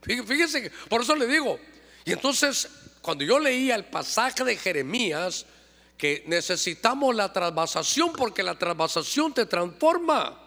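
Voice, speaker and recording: A man's voice: sits high, big pitch swings, normal speed, bright, forceful tone. A middle-aged man preaching a sermon as pastor, calling out to the congregation and drawing them into call-and-response. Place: church. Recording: long church-hall reverb.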